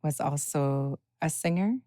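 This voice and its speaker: A woman's voice: sits low, unhurried, dark tone, no echo, clean studio sound. A woman hosting a podcast interview, asking long, winding, encouraging questions. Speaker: podcast host.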